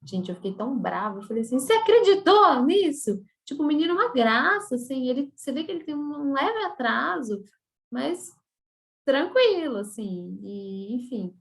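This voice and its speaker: Brief: Brazilian woman therapist, chatty, fry in the voice, slightly high. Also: sing-song, normal speed. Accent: Brazilian Portuguese. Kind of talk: conversational chat.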